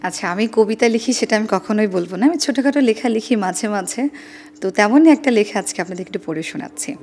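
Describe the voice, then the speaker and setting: A woman's voice: medium pitch, animated, racing, darkish tone, slight background noise. Precise, careful-spoken woman explaining pronunciation. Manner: careful, precise standard pronunciation, demonstrating sounds. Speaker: interview guest on speech and pronunciation. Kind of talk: explanatory interview answers.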